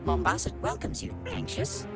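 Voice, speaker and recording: A woman voicing a calm, polite female transit machine that speaks like a gentle automated care robot, in soothing, courteous, measured announcements. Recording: distant voice over game music.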